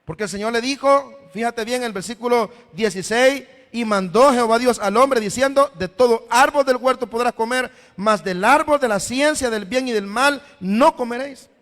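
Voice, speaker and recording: A man's voice: extremely high pitch, moderate pace, hardly any pauses, a bit bright, soft background music. A man preaching a sermon as pastor, often calling his listeners brother and voicing their imagined questions. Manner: voices imagined questions from the congregation. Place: church hall. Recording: long hall reverb.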